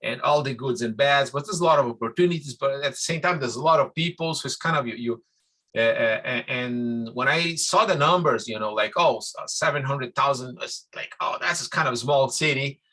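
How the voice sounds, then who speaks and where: Speaking fairly quickly at a medium pitch, the middle-aged musician from Brazil rambles warmly through a casual interview. His Portuguese-native English has a Brazilian accent, and he keeps restarting his sentences.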